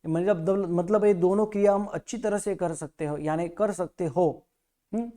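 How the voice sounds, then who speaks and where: Man, religious teacher, slow recitation lesson, warm mellow tone, syllable-by-syllable drills. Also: high-pitched. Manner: pronounces each syllable slowly and corrects mistakes.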